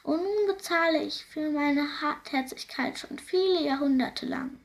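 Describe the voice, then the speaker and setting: A woman voices the ghost of an old squire from a storybook, a male spirit who sighs with remorse. She uses a high, plaintive, slow delivery, and the mood is mournful.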